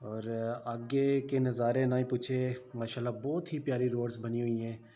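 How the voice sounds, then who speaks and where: A man's voice: mid-range voice, fairly even intonation, normal speed, mellow, slight background noise. A man giving a casual travel voice-over, chatty and full of route tips for viewers. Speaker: travel vlogger.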